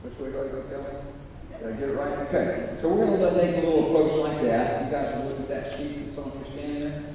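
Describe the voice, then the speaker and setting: A man's voice: on the high side, quick pace, lo-fi sound. Band clinician, middle-aged man, counts off and coaches; roomy distant sound with audible room noise. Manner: counts off the band and gives instructions in a lively, coaching way. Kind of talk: conducting a band rehearsal clinic. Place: school band room or hall. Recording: echoey hall picked up from far off.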